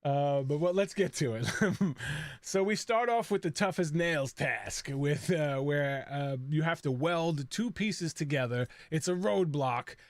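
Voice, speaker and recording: A man's voice: fairly high pitch, a little slow, no room sound, clean studio sound. A man co-hosting a casual recap show, talking in a chatty way and laughing often mid-sentence. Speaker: podcast co-host.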